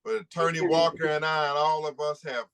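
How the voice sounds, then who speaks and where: Lawyer guy pressing his case hard to reporters, kinda high voice, keeps hammering points. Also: steady tone, brisk, vocal fry, a crowd in the background. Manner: impassioned, emphatic, repeating for stress. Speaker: civil rights attorney. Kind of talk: press conference statement.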